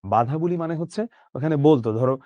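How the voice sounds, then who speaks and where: A man's voice: a little high, fast, dark tone, dry recording, muffled recording. A man from Bangladesh, teaching an explanatory lecture, explaining line by line, asking rhetorical questions and checking that students follow.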